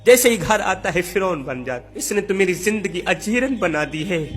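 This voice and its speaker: A man's voice: sits high, animated, a bit bright, soft background music. A man voicing a tearful pleading wife. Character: grieving mistreated young wife, pleading.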